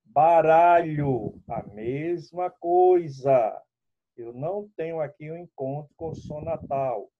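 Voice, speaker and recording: A man teaching a lesson, explaining rules step by step and speaking straight to his students. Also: a little high. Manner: explanatory, addresses students directly. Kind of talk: classroom lesson. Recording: dull lo-fi recording.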